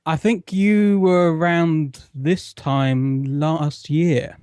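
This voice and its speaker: A laid-back man in casual conversation with a mellow, warm voice. He chuckles often and pauses on fillers as he talks from an armchair at home. The sound is dry, with no room echo. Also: a little high, steady tone, clear, resonant tone. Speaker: podcast guest, radio show admin. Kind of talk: casual chat.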